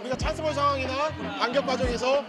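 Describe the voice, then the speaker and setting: A man's voice: very high voice, fairly even intonation, fast talker. A man coaching a volleyball team, giving direct, urgent tactical instructions in a huddle. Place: large indoor arena, courtside. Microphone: TV broadcast mic near the huddle. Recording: loud crowd and music, arena broadcast. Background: crowd and music.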